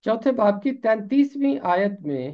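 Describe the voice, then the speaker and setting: A man with a Pakistani Urdu accent giving a pronunciation lesson, speaking slowly and deliberately and repeating each word for drill. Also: high-pitched, very animated. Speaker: pronunciation teacher. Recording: slightly dull lo-fi recording.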